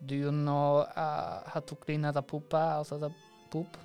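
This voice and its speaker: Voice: medium pitch, monotone, moderate pace, a little mellow, soft background music, natural voice. A performer playing an archbishop interviewing candidates, in a mock-solemn, repetitive manner, in improvised comedy. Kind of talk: improvised comedy role-play.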